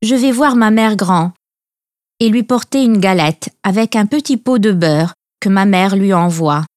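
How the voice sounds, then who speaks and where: A woman's voice: medium pitch, a little slow, darkish tone, no room sound, close to an everyday voice. A woman reader plays a trusting little girl from a storybook. She speaks in a naive, polite way, dry and close to the mic. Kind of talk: storybook reading.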